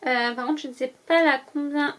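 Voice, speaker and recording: A woman vlogger with a high, light voice chats casually to her viewers. She goes through items one by one and fills her pauses with hesitant sounds. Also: a bit bright. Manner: chatty, lists items one by one with many "euh" fillers. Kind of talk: casual packing-list vlog.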